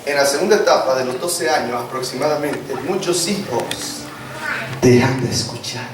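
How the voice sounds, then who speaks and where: A man's voice: mid-range voice, moderate pace, background noise. A man preaching a sermon, leading call-and-response and acting out family dialogues. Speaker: pastor. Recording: echoey church hall, distant mic, congregation.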